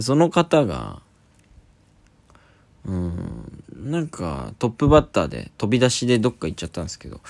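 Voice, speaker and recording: A man's voice: lowish voice, no room sound. A young man, a comedian hosting a solo talk podcast, chatting casually and rambling with many fillers.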